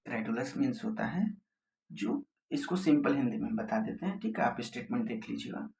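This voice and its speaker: A man teaching an exam vocabulary lesson, explaining in Hindi and reading English definitions slowly and deliberately. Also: medium pitch, expressive, vocal fry, darkish tone. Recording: roomy echo, faint background noise.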